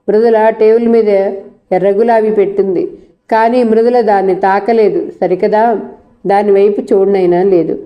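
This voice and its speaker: A woman narrating a novel in a steady storytelling manner. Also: medium pitch, dull audio.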